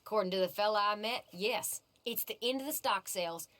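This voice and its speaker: A woman's voice: mid-range voice, a little fast, a bit bright, lightly acted. A woman playing a bold, teasing American outlaw in a Western video game, with a sassy, theatrical manner. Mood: confident, teasing.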